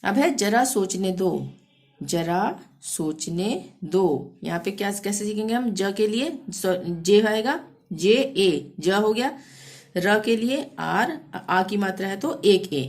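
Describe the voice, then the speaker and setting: A woman teaching a language lesson, spelling words letter by letter and repeating phrases slowly and patiently. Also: mid-range voice, lively intonation, a little mellow. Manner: repeats "theek hai" to check understanding. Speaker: Hindi teacher.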